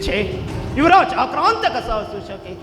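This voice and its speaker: A man's voice: extremely high pitch, big pitch swings, unhurried, heavily acted. An actor playing a scheming, ruthless king in a musical stage drama, giving commanding and threatening orders. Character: scheming, ruthless middle-aged male king. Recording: echoey hall, long reverb.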